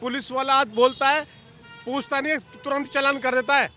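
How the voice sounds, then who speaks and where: An angry young man, a mechanic, complains loudly in a street interview and lists rising prices one after another. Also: extremely high pitch, level tone, a little fast, faint music behind. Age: young adult. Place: outdoors on a busy street.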